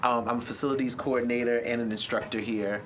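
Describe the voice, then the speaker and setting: An easygoing man talks about his studio job, filling pauses with "um." Steady room ambience and noise sit clearly behind his voice. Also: medium pitch. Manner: easygoing, with many "um" fillers. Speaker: studio facilities coordinator.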